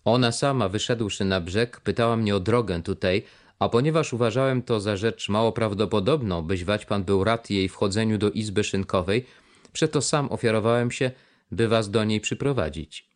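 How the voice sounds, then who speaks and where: A man narrating an adventure novel in a measured, even storytelling manner. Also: fairly low pitch. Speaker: audiobook narrator. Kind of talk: scripted narration.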